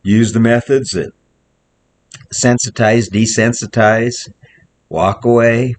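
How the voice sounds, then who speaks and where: A man's voice: mid-range voice, fairly even intonation, slow pace. Man, horse trainer, plainspoken, repeats short phrases, outdoors in snow, wind behind. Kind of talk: instructional commentary while working a horse.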